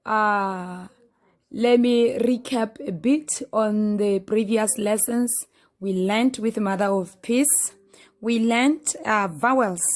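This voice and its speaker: A woman teaching a phonics lesson, slowly sounding out letters and repeating words. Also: mid-range voice. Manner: slow, patient, repeats sounds aloud.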